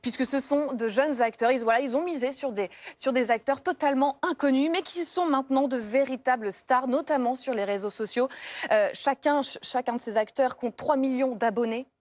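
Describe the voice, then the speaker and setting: A woman presenting an entertainment story on live TV, speaking in a chatty way with small hesitations and restarts. Her voice sits slightly high, and the studio sound is close and dry. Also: brisk, no room sound. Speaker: entertainment reporter. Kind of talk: live TV news chat.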